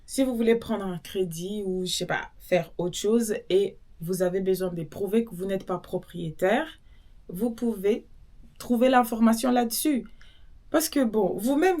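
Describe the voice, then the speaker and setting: Young woman, social worker type, chatty vlog advice, lively asides to the viewer. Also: mid-range voice. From Belgium.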